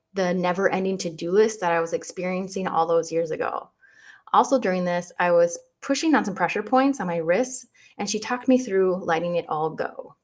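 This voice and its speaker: A woman in her thirties hosting a podcast, telling a personal family story in an earnest, emotional way that turns tearful at times. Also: on the low side. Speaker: podcast host.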